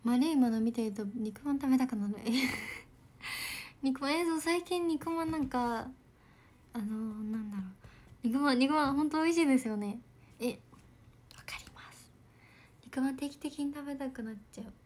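A woman's voice: high voice, moderate pace. Giggly young woman chatting on a livestream. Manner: bubbly, giggly, soft-spoken. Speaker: idol livestreamer. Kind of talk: casual livestream chat reading comments.

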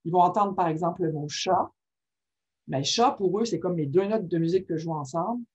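A woman's voice: fairly low pitch, a little fast, breathy edge. A woman giving an informal teaching talk, often checking in with her listeners. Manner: checks in constantly with "ok?", lively and informal. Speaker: workshop presenter on reading disorders. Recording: muffled lo-fi recording.

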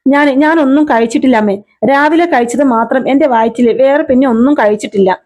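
A woman voicing a sharp-tongued young wife in a retold family drama, reading the lines plainly. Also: sits high, fairly quick. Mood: defensive.

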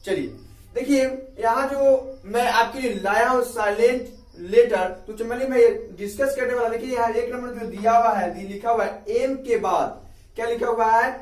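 A man with an Indian accent gives an English lesson, asking questions and then answering them himself. His voice sits high. The sound is echoey and a bit distant from the mic. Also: moderate pace. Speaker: English teacher. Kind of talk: video lesson.

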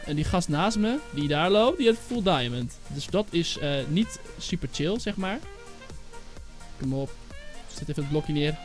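A young man giving casual, rambling commentary on his own gameplay as a gaming channel host, and he gets excitable and shouts at rivals. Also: on the high side. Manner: excitable, shouts and yells when angry at hackers; casual, rambling, with many fillers. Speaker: gaming YouTuber. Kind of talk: live Minecraft gameplay commentary.

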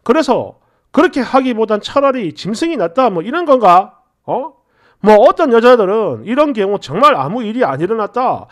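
A man's voice: high voice, big pitch swings, normal speed. A young man narrating a story in a chatty, exasperated way.

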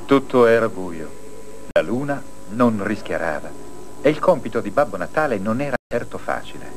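A man narrating a children's cartoon tale as an expressive storyteller. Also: fairly low pitch, normal speed. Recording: old noisy film soundtrack.

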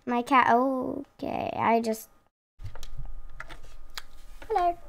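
Casual gaming host, female, chatty and self-amused; slightly high with a gravelly edge, close desk mic. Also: animated, measured pace, fairly bright tone, a little hiss or hum. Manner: chatty, rambling, laughs at herself. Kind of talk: casual let's-play commentary. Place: room at home with her cat. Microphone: own desk microphone.

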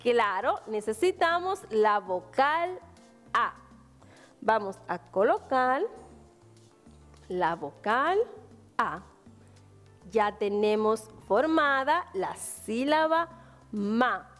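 A woman's voice: on the high side, lively intonation, extremely slow, long pauses, fairly bright tone, long reverb tail, faint music behind. A woman with a Dominican Spanish accent teaching a virtual class to young children, spelling out syllables patiently and answering her own questions. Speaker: primary school teacher.

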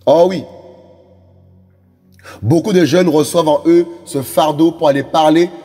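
A male preacher exhorts his listeners with a high, slightly husky voice, circling back on phrases and filler words. His sermon rings with a long reverb, as if in a large hall, and soft music plays underneath. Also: unhurried. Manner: fervent, repetitive exhortation with many fillers. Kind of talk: evangelistic sermon.

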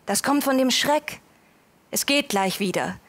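A gentle, embarrassed father talks softly and soothingly to his son, as a woman reading aloud plays him. He speaks slowly and apologetically. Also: sits high, animated, exaggerated voice.

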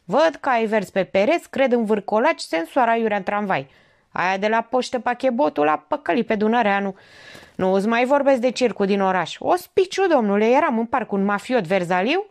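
A woman's voice: a little high, animated, voice pushed up. A woman voicing a sardonic male veterinarian who mocks everyone around him, reading him in an audiobook. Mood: scornful. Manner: mocking, scathing outbursts.

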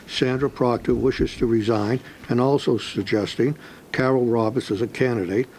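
A man serving as city clerk, reading agenda items aloud in a flat, steady way. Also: medium pitch, moderate pace, a little hiss or hum, rough recording. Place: council meeting room.

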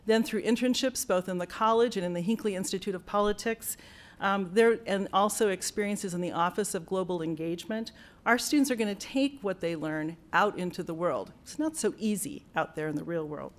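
A woman's voice: medium pitch, fairly quick. A woman speaking as a college leader at a building dedication in a university auditorium, earnest and grateful, with frequent fillers and restarts. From United States. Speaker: college dean giving a dedication speech. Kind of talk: formal ceremony speech.

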